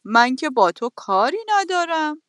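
A crafty, hungry fox from a storybook, stretching out his flattering words slowly, as a woman puts him on. The voice stays high, and the recording is dry and close. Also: no echo. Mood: sly coaxing. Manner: sweet-talking, coaxing, drawn-out. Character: cunning hungry male fox, smooth flatterer.

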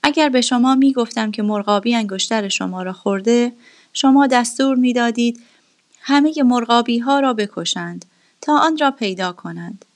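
A woman doing a wise old-court vizier, calm, soothing, measured, fairly high voice. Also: lightly acted. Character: wise, patient male royal vizier.

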